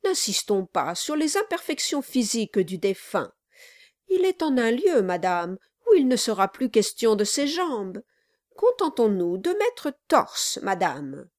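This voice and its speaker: A woman voicing a sly, obsequious male lawyer who gushes flattery in an unctuous manner, in a dry recording. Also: fairly high pitch, measured pace, no room sound. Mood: fawning.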